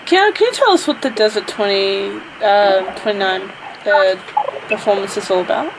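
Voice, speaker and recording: A woman's voice: mid-range voice, expressive, moderate pace, background noise. A woman hosting a casual radio interview, restarting her questions as she goes. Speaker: radio host.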